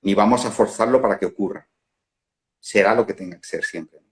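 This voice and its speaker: Hombre, acento español, voz algo grave, charla espiritual meditada, tono de quien piensa en voz alta. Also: male voice, on the low side. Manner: unhurried, musing, laughs at own examples. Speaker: non-duality facilitator. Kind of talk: reflective spiritual talk. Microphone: phone on a live stream.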